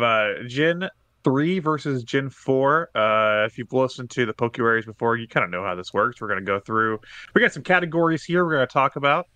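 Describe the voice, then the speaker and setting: A man's voice: mid-range voice, pushed and bright, dry recording. A man co-hosting a casual gaming podcast, joking around, laughing often and swearing casually. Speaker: podcast co-host. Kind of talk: casual chat.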